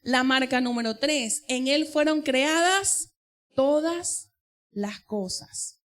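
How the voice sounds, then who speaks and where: Woman, high voice, sermon, storytelling testimony, talks to the congregation. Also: slow pace. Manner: storytelling, emotional testimony, addresses congregation directly. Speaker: church teacher.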